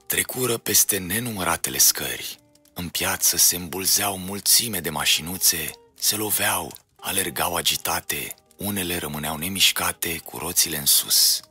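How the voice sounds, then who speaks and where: A man narrating a children's fairy tale in a measured, expressive storytelling style. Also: deep voice, slightly rough, faint music behind.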